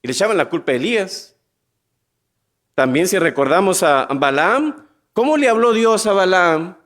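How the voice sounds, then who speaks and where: A man preaching a sermon, his voice pitched high for a man. He keeps asking the congregation questions. Now and then he slips into short acted lines of biblical dialogue. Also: expressive, moderate pace, fairly bright tone.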